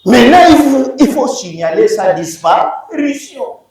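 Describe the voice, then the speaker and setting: A man's voice: extremely high pitch, big pitch swings, unhurried, darkish tone. A man teaching a university class, repeating key words and quizzing his students. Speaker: Biblical Hebrew lecturer. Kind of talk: university lecture. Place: university lecture hall. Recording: roomy echoing hall, voice from far off.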